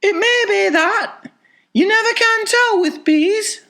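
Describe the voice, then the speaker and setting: A man voicing a slow, earnest, gentle little toy bear in a dramatized children's storybook. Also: very high voice, voice pushed up, heavily acted. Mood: earnest, hopeful. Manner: slow, deliberate, ponderous delivery.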